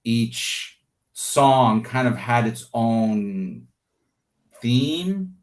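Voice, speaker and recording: A man being interviewed as an artist speaks at medium pitch, expressively and extremely slowly, with a somewhat mellow tone. Casual and thoughtful about his creative process, he often hunts for words and peppers in "like" and "you know".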